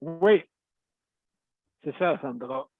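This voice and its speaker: Drawing out his words in a fairly high-pitched voice, a male show host casually rambles through a chatty story for his listeners, fixing his own mistakes as he goes. The recording is dry and sounds tinny, like a phone.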